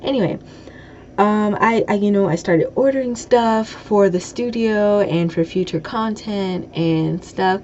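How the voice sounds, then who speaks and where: A woman's voice: mid-range voice, a little slow, darkish tone. A woman hosting a casual podcast chat, rambling and self-correcting, with a slight lisp from a broken tooth. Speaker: podcast host. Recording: dull lo-fi audio with faint noise.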